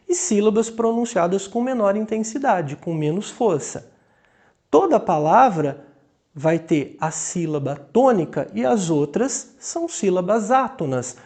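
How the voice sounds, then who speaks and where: With a high, darkish voice and a Brazilian Portuguese accent, a man leads a grammar lesson. He speaks slowly and deliberately, draws out example words one syllable at a time, and keeps checking on his students.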